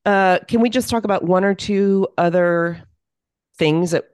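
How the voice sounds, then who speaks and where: A woman co-hosting a casual podcast as a running coach, telling stories in a measured way. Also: fairly low pitch, darkish tone, clean tone, no room sound, studio quality. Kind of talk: casual chat.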